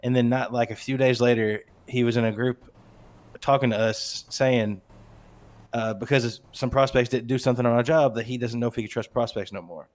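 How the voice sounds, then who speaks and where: A man chatting in character as a member of a biker club, at an ordinary middle pitch. He is blunt and swears freely, egging the other man on. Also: fairly even intonation, fairly quick. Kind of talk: in-character casual chat.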